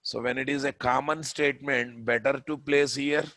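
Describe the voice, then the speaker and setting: A man's voice: mid-range voice, steady tone, normal speed, fairly bright tone, no echo, studio quality. A man giving a live coding lecture as an instructor, repeating himself and prodding listeners with questions. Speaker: programming instructor.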